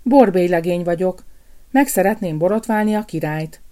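A woman's voice: lowish voice, mellow, natural voice. A woman voicing a cheeky young prince who is in disguise.

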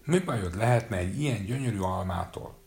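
A man's voice: fairly low pitch, lively intonation, darkish tone. A man voicing a sly old peddler woman who wheedles and caws, in a storybook reading. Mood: wheedling. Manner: cawing, wheedling.

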